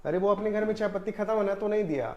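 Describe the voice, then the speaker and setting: A man's voice: sits high, very fast, lo-fi sound. A man playing an evasive, sheepish husband in a scripted comedy skit.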